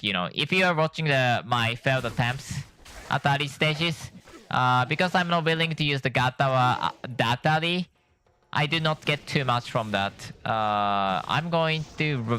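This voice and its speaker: Man, gameplay commentary, sleepy, rambling, self-correcting, bright tone. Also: medium pitch, lively intonation, a little slow. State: tired from lack of sleep. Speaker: gameplay streamer.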